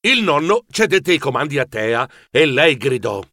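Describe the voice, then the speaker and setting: A man narrating a children's story in a lively, exclamatory way. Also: medium pitch, normal speed, dry recording, studio quality. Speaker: audiobook narrator.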